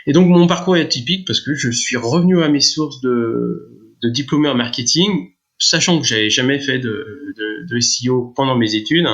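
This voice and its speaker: A man's voice: medium pitch, normal speed, a bit bright. A man explaining his work in a casual podcast interview, with many fillers and restarts. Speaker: guest, SEO consultant.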